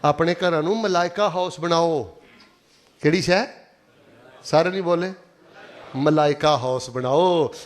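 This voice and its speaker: A man with a Pakistani Punjabi accent preaching a sermon, emphatic and repetitive, prompting the congregation to answer aloud. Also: fairly high pitch.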